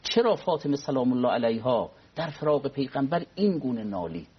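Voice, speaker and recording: A man speaking as a cleric guest on a religious talk program, explaining in a measured way and quoting Arabic prayers. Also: mid-range voice, big pitch swings, breathy edge, muffled recording. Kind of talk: religious discussion.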